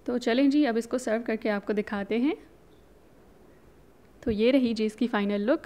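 Sounding like an easygoing cooking-channel host, a woman guides viewers through a home recipe in a chatty, instructive voice-over. She frequently uses English words, and her voice, pitched a bit high, keeps a normal speed.

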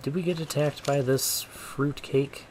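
A man's voice: on the high side, fairly even intonation, a little slow, darkish tone, a little hiss or hum. A man giving casual let's play commentary on a video game, thinking aloud with muttered asides as he goes. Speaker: gaming let's play host.

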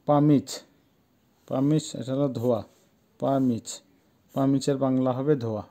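Slow, mellow-voiced man teaching. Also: medium pitch, steady tone. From Bangladesh. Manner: deliberate, repeats words for pronunciation with frequent pauses. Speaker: language teacher. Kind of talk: slow explanatory language lesson.

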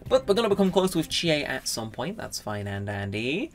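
Lively, rambling man playing a game. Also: fairly high pitch, moderate pace, over music. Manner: rambling, self-correcting, reads game text aloud. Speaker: let's play gamer. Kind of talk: casual gameplay commentary.

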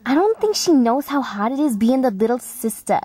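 A woman's voice: sits high, very animated, brisk, mellow, slightly rough, no echo, heavily acted. A woman with braces voicing a sassy, whiny teenage monster girl, a bickering little sister, in an amateur cartoon audition. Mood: snarky. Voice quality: talking with braces.

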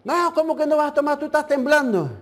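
A man's voice: very high voice, fast, fairly bright tone, pitched above the performer's own voice. A pastor acting out a pushy man pushing liquor. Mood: insistent. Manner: insistent, urging.

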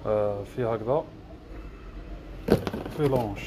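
In a very noisy shoe shop, a seller with an Algerian Arabic accent and a fairly low voice shows off shoes during a product livestream. Speaking at normal speed, he rattles off prices, sizes and colors in a list.

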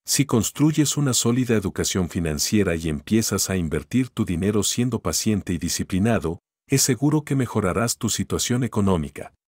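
A man reads a scripted finance lesson in a very low, husky voice. He speaks steadily and instructively, advising the listener directly. The recording is close and dry, with no room sound. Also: a little mellow, no room sound. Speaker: narrator of a finance channel. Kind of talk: scripted voice-over narration.

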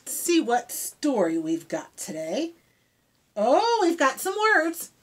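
Slow, high, animated woman reading to kids. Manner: animated, asks children questions. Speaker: storybook reader for children. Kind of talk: children's read-aloud with vocabulary teaching.

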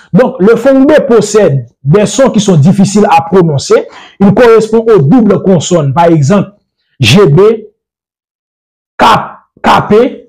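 A man with a notably high voice lectures in a careful, teacherly way. He moves from point to point with steady linking words, and he slows down to spell out terms one by one. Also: rough recording. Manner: methodical and didactic, strings points together with frequent "donc"; slow deliberate spelling-out of word lists. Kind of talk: spoken lecture on language and religion.

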